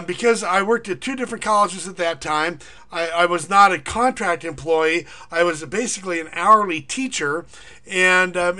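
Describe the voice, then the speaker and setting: A middle-aged man with a high, bright voice walks viewers through a money-making pitch. He rambles and hesitates, full of uhs and restarts. He rattles off long lists of payment figures. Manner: rambling, filler-heavy, reads figures off in a quick list. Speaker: online income marketer and teacher. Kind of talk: casual screen-recorded pitch.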